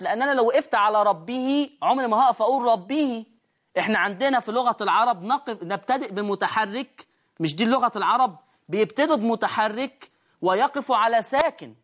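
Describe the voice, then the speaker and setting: Egyptian woman teaching Quran recitation rules. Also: a little high. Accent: Egyptian Arabic. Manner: explains step by step, asks and answers her own questions. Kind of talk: tajweed lesson on screen. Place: studio lesson with a control room.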